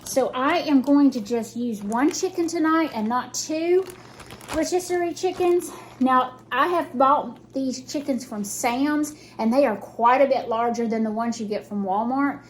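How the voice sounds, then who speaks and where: A high-pitched woman talks viewers through her cooking step by step. Her speech is slightly hampered by new dental braces. She is casual and folksy, with faint household noise and crinkling in the background. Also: measured pace. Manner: chatty, folksy, narrating each step as she works. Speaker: home cook hosting a cooking vlog. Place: home kitchen while cooking.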